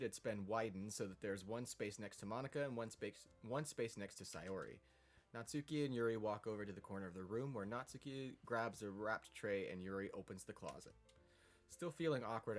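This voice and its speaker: A man's voice: on the low side, a little fast, faint music behind. A man reading a visual novel's text aloud and chatting casually, hesitant and laughing often. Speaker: first-time player reading the game aloud.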